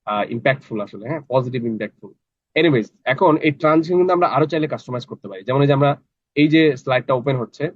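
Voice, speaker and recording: Fast-talking man teaching an online class. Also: medium pitch, no echo. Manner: chatty, checks in with students often. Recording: dry, slightly dull online class audio.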